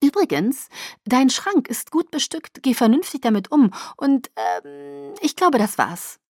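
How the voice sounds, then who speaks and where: Woman doing a chirpy young woman, eager, bright and loud, audiobook. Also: high voice, unhurried, no echo, studio quality, voice pushed up, heavily acted. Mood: cheerful. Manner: chirpy, sing-song and excited.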